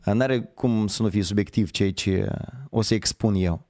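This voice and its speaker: Male live-stream host, low and hoarse, chatty and meandering, bone-dry close sound. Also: a little mellow, no echo. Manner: rambling, conversational, self-correcting. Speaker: host of a live online show. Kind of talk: casual live-stream commentary.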